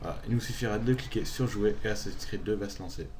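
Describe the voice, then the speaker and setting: A man narrating a screen-recorded software tutorial, calmly walking through each click step by step. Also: fairly low pitch, quick pace, a little hiss or hum. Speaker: tutorial maker.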